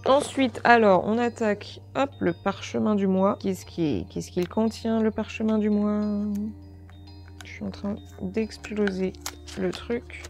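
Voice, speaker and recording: A woman's voice: medium pitch, a little slow, faint music behind. A woman chatting casually through an unboxing video, easily delighted and gushing over small items. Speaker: unboxing vlogger.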